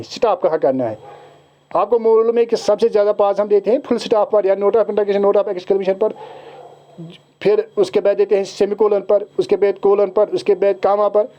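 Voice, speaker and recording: Man, kashmiri accent, teacher explaining a syllabus, high voice, dull lo-fi recording. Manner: switches into slow, deliberate English. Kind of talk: explaining an exam syllabus to students.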